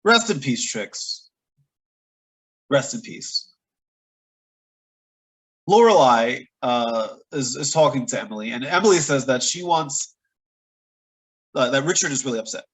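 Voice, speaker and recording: A man's voice: mid-range voice, lively intonation, normal speed, a bit bright, husky, poor audio. A man hosting a podcast, recapping a TV episode in a casual, chatty way with playful exaggeration. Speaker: podcast host.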